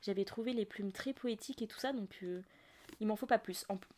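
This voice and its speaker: A woman's voice: mid-range voice, a little fast, a little mellow, a little hiss or hum. A young woman hosting a casual book podcast, chatty and full of asides and fillers. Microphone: audio-only podcast mic.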